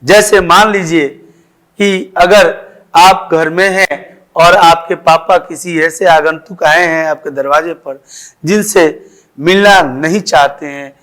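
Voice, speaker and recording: A man with an Indian accent teaches a school grammar lesson in a fairly high voice. He speaks slowly and deliberately. He draws out each example phrase so that students can follow. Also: steady tone, a bit bright. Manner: slow, deliberate explaining with drawn-out example phrases.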